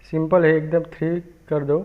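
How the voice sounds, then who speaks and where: A man teaching a children's alphabet lesson, speaking slowly and patiently, repeating each sound for young pupils. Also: on the high side, little pitch movement. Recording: tinny phone-like recording.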